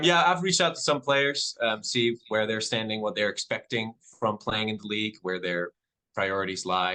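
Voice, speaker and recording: A Dutch-born padel club owner fields podcast questions in accentless second-language English. His voice is fairly low, and he answers softly and deliberately, often saying um.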